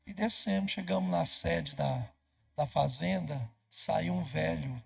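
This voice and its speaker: A man's voice: on the high side, takes it slowly, vocal fry, breathy edge. A man with a Brazilian Portuguese accent, a pastor telling a story in a sermon and acting out the dialogue as he goes. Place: church.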